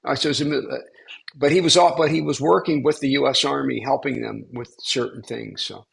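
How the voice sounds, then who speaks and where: A man's voice: medium pitch, fairly even intonation, brisk, creaky, husky. An older man, a spiritual teacher, tells a story to a small class in a rambling way, with many restarts and fillers.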